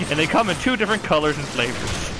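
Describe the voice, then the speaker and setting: A man's voice: high-pitched, background noise. A young man hosting a gaming stream, rambling casually and laughing often. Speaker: gaming channel host. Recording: game sounds loud behind.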